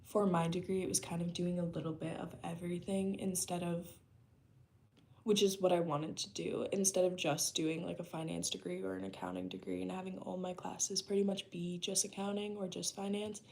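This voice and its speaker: At a moderate pace, a low, gravelly, slightly mellow voice with flat delivery comes from an American vlogger in her early twenties. She's chatting casually with her live chat as she works remotely from home, dropping "um" and "like" throughout.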